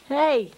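A woman's voice: fairly high pitch, noisy background. A woman filming her young children on a home camcorder, coaxing them in a sing-song baby-talk voice. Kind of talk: home video narration. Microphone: handheld camcorder.

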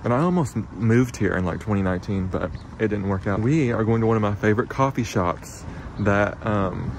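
Excitable young man vlogging on his phone. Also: lowish voice, brisk, creaky, noisy background. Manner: excitable, swears freely, lots of "like". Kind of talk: casual vlog talk to camera. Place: inside a car, then a hotel room, then an outdoor street. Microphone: phone camera held at arm's length.

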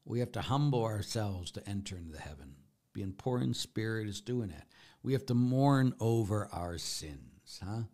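Priest, low gravelly voice, forceful preaching that builds to loud declarations. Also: male voice, expressive, moderate pace. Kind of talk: sermon.

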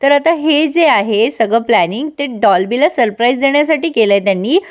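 Woman, higher-pitched voice, casual episode recap, acts out quoted lines lightly. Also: expressive. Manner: brisk retelling, quoting characters' lines with mild voices. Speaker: TV serial episode reviewer.

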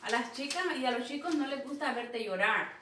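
A woman's voice: high voice, a little fast, pushed and bright, distant mic. A woman hosting a pet vlog, talking to her parrots in coaxing baby talk at home. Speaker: pet parrot channel host. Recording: echoey room, away from mic, noisy.

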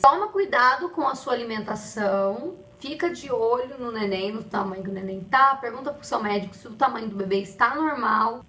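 Young Brazilian woman, vlog host, high bright voice, chatty and animated, echoey room. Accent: Brazilian Portuguese. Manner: chatty, expressive, addresses viewers directly. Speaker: vlogger. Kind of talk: casual pregnancy diary vlog.

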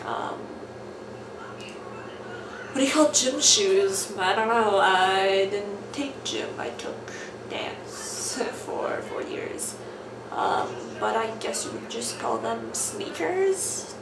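Her voice is mid-range, creaky, and expressive, and she talks slowly. She's a young adult vlogger from Southern California doing an accent challenge questionnaire, rambling informally and cursing as she goes. The setting is a small bare-walled room, captured on a distant mic with echo and noticeable noise.

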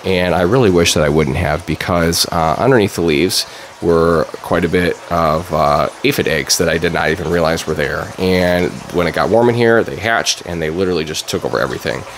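A man in his thirties giving a relaxed, chatty walkthrough as host of a DIY channel, with plenty of fillers. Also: sits low, brisk, slight background noise. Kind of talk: casual walkthrough vlog. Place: basement grow room under pink grow lights; garage workshop, indoors.

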